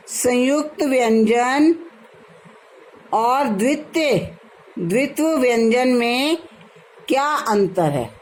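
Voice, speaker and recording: Lady teacher going over grammar homework, slow and careful, kinda high voice. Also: a little mellow, rough recording. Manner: slow, patient, addresses students as "beta". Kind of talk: explaining a grammar lesson to students.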